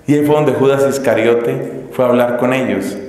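A man's voice: medium pitch, fairly even intonation, moderate pace, darkish tone. A man from Colombia preaching a teaching sermon, telling stories dramatically and acting out the voices of crowds and characters. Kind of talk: classroom sermon. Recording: echoey hall with long reverb.

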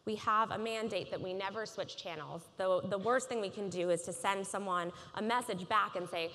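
A woman in her thirties giving a polished, measured conference keynote on a large stage. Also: mid-range voice, a bit bright. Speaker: keynote speaker. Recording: reverberant conference hall.

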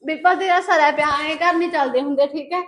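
A woman's voice: sits high, fast talker, fairly bright tone. A woman playing a put-upon young wife who firmly defends her home in a melodramatic short film. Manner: firm, pleading, defensive. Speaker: sister-in-law, wife of the house.

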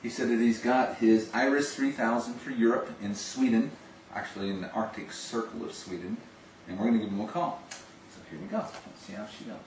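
A middle-aged man's voice of medium pitch runs a little fast as he, a video phone sales rep, gushes about a product during a casual demonstration and phone chat. He is indoors in a small home office. The sound is roomy and distant, with hiss, from a camera mic a few steps away.

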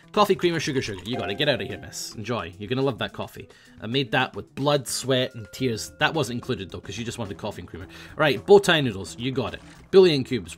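A young man hosting a gaming video, chatting fast and calling out food orders while he plays. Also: medium pitch, a bit bright. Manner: hyper, chatty, calls out orders while playing. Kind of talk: casual let's-play commentary.

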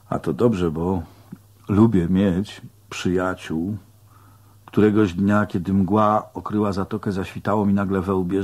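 A man's voice: deep voice, a little mellow, slightly rough. A man narrating a first-person audiobook in a plain-spoken, colloquial way.

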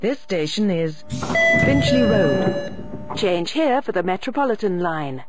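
A woman's voice: very animated, measured pace. A woman giving formal pre-recorded train announcements, with the station names spliced in as separate recorded words. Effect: spliced-together recorded words. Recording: game audio over loud train rumble. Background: loud train noise.

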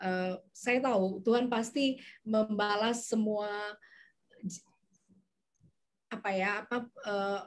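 A woman's voice: mid-range voice, steady tone, takes it slowly, long pauses. Woman hosting a talk show, polite n a bit hesitant, lots of ums. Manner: polite, hesitant, many fillers. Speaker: moderator.

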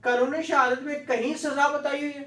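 With an extremely high, bright, and forceful voice, fairly even in intonation and moderate in pace, a law lecturer in his thirties teaches with a Pakistani accent. He uses English legal terms, repeats key words, and often checks on his students' understanding. A distant mic picks him up in a small, echoey whiteboard room.

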